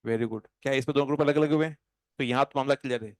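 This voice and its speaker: A man teaching chemistry to a class. He talks in an animated, playful way and slows right down when he dictates notes. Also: mid-range voice, no echo. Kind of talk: classroom lecture. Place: classroom with students.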